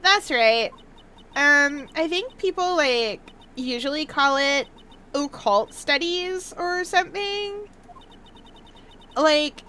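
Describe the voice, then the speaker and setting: A woman's voice: high-pitched, sharp tone, a little hiss or hum, exaggerated voice. A woman voicing a ditzy, bubbly sorority-girl college student in a video game, with a Valley Girl accent and statements that lilt like questions. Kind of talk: video game voice-over read-aloud.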